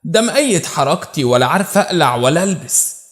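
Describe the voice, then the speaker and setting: Egyptian stepmother who sneers at everyone, mocking and flirty, lines pitched up high by a male narrator. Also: big pitch swings, fairly quick. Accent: Egyptian Arabic. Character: scornful, flirtatious middle-aged stepmother.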